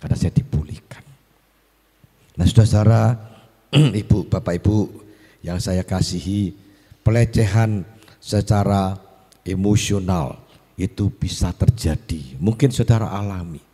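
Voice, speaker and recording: Pastor with a low, dark voice in a hall. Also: male voice, a little slow, long pauses, slightly rough. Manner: storytelling, acts out quoted voices. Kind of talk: seminar talk to teachers. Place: school hall. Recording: echoey hall.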